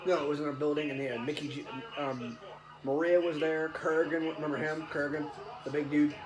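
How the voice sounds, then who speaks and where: A man co-hosting a casual wrestling reaction chat, excitable and rambling. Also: fairly quick, low-quality recording. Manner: excitable, rambling, jumps pitch when surprised.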